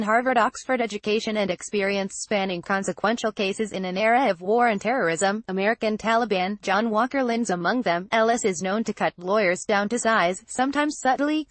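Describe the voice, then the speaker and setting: A woman reads a news roundup aloud in an even, steady scripted delivery. Her voice sits at a mid pitch for a woman. The recording is dry and close, with no room sound. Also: a little fast, hardly any pauses, no room sound. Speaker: news narrator.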